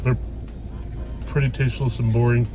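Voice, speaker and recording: A man's voice: medium pitch, level tone, moderate pace, over music. A man rambling casually to a camera in a car, chewing food as he talks, profane and teasing. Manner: chewing while talking, eating as he speaks. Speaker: vlog host. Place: inside a car.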